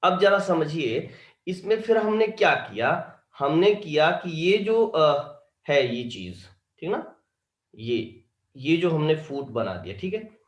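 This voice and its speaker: Male lecturer, slow and lively, keeps checking students follow; roomy sound. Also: fairly high pitch. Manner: keeps asking students if they understood. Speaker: teacher. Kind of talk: online lecture.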